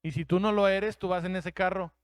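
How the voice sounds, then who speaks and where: A male pastor with a Mexican Spanish accent delivers an emphatic sermon and acts out the voices he quotes. His voice sits high and rings smooth and resonant. The sound is dry and close. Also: fairly even intonation, a little fast, dry recording.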